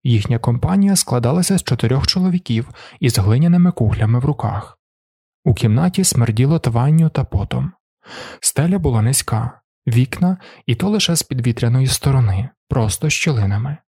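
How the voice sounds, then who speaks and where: A man narrating a fantasy novel in an even, steady audiobook read. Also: mid-range voice, brisk, husky, no echo, clean studio sound. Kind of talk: scripted narration.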